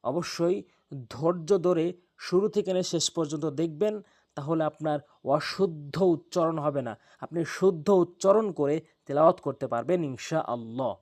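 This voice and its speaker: A man teaches Quran pronunciation step by step, repeating each letter slowly and patiently. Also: a little high, a little mellow.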